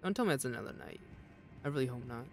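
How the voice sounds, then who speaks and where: A man's voice: lively intonation, fast. A young man streaming a game, chatting casually and nervously while he plays, often laughing. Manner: jittery, laughing, mimics enemies in high voices. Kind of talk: casual gameplay commentary.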